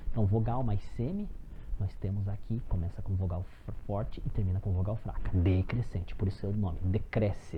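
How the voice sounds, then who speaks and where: A man's voice: lowish voice, lo-fi sound, slight background noise. A man from Brazil teaching a recorded phonetics lesson, explaining step by step and calling his viewers friends as he stresses example words.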